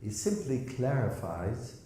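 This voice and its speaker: Mellow-voiced man coaching in an echoey hall. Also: mid-range voice, big pitch swings, slow. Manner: demonstrative, sings phrases on syllables, jokey. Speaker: piano teacher giving a masterclass. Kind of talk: masterclass coaching. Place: recital hall. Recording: very echoey hall with faint piano.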